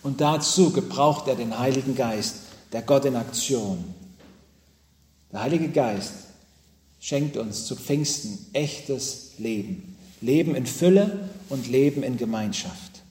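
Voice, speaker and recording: A man preaching a sermon from the pulpit to his congregation, telling stories with dramatic pauses and emphatic repetitions. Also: mid-range voice, darkish tone. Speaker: pastor. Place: church with pulpit. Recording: echoey church hall.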